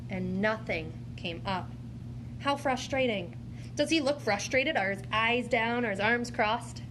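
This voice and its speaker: In a fairly high voice, a woman teacher unhurriedly demonstrates an interactive read-aloud. She speaks to a child encouragingly and asks questions, and the recording carries clear background noise.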